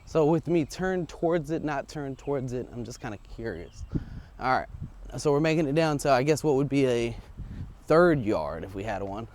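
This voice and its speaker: A man's voice: mid-range voice, expressive, normal speed, a little mellow, a little hiss or hum. A man chatting informally and thinking aloud as he records an unscripted vlog outdoors on a clip-on wireless lavalier. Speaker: vlogger testing audio gear. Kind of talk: casual unscripted vlog chat. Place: outdoors, walking up a residential street. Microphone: wireless lavalier clipped to shirt.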